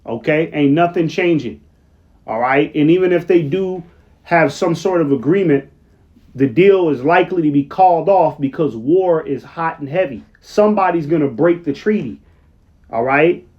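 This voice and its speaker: A tired man talking casually late at night at his workplace, rambling through news commentary, often asking "right?" and slowing down to read quotes aloud. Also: fairly high pitch, lively intonation, highs cut off. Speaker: online commentator.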